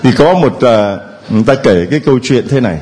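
A man's voice: mid-range voice, lively intonation, fast talker, darkish tone, a little hiss or hum. A man preaching a homily who keeps a playful tone, quizzing the congregation with questions and chuckling between points. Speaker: priest.

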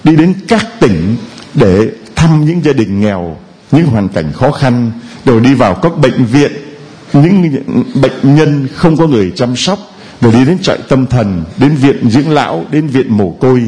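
Priest guy preaching, urging folks on, quick little questions. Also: mid-range voice, animated, dark tone, poor audio. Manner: exhorting, prods with short questions. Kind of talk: sermon and questioning a congregant.

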